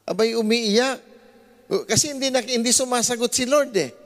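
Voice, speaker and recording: A man with a Filipino accent preaching a sermon as pastor, swinging between hushed asides and raised, animated exclamations. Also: very high-pitched, moderate pace. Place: church hall. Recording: long church-hall reverb.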